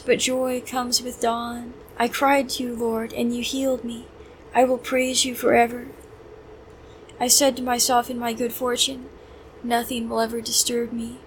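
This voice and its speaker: Woman reciting evening prayer, flat and reverent. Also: a little high, slight background noise, rough recording. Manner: measured, reverent recitation with brief plain asides. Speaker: prayer leader. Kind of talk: reading the Liturgy of the Hours aloud.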